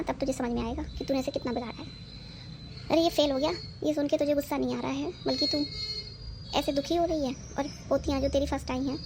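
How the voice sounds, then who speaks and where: Woman as a lecturing cartoon grandmother, high, gravelly, noisy background. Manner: scolding, lecturing. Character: stern, sensible old grandmother.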